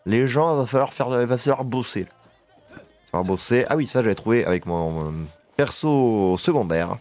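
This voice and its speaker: A man giving casual gameplay commentary, excitable and swearing, chatting to his horse as he plays. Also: medium pitch, moderate pace, soft background music. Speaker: gaming video creator.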